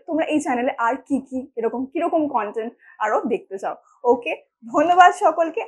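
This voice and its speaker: A woman teaching a spoken English lesson, explaining patiently and often checking that her learners follow. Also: high voice.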